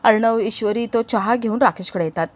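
A woman with a fairly high voice narrates a family drama scene by scene. Her delivery is plain and steady, the style of a scripted recap. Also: a little fast, highs cut off. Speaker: storyteller.

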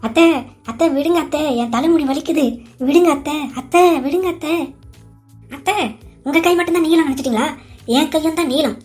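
ஒரு பெண் கார்ட்டூனில் கெஞ்சும் இளம் மருமகள் கலாவாகக் குரல் கொடுக்கிறார். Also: female voice, high-pitched, brisk, long pauses, darkish tone, faint music behind, pitched above the performer's own voice, close to an everyday voice. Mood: pleading. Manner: pleading, whiny, defensive. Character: young pleading daughter-in-law Kala. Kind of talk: cartoon voice acting.

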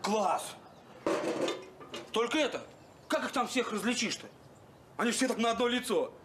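High-voiced, naive male buddy. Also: very animated, normal speed. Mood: eager. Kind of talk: sitcom acting. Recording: very noisy TV soundtrack.

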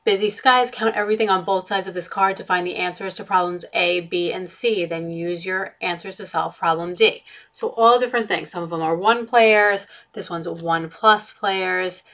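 A woman's voice: lowish voice, fairly even intonation, moderate pace, few pauses, a bit bright. A young woman reviewing children's activity cards from her home playroom, chatty and friendly, with fillers as she shows each card to the webcam. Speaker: book consultant. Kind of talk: product review.

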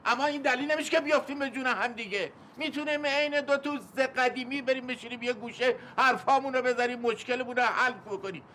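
A man's voice: extremely high pitch, few pauses, pushed and bright, a little hiss or hum. A middle-aged actor playing a stern, indignant tenant father in a TV drama. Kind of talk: TV drama acting.

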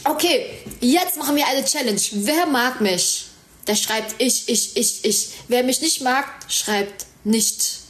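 A young woman with a slightly high voice talks casually to her livestream viewers. She has a cold, her nose is stuffy, and she keeps reading and thanking their comments. A faint hiss sits under the recording. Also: slow, fairly bright tone. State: stuffy nose, sore throat.

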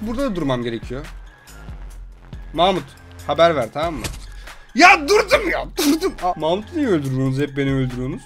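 A young man with a Turkish accent giving loud, swearing gameplay commentary with frequent outbursts. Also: a little high. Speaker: gaming video host.

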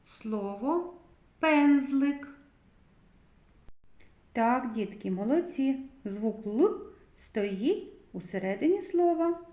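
Woman teacher for a preschool letters lesson: slow, patient, clear, in a roomy, slightly muffled recording. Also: high-pitched, expressive. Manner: slow, carefully spelled-out speech addressing children warmly. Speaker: kindergarten teacher. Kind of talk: slow, clear literacy lesson for young children. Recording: echoey room, dull lo-fi sound.

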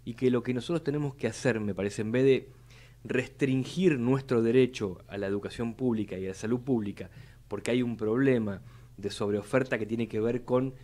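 A young city legislator with a Buenos Aires Spanish accent talks policy on live studio radio through a mic on a boom arm. His voice is medium-pitched and dark, at a moderate pace, and he speaks formally and measuredly, repeating words to build long arguments.

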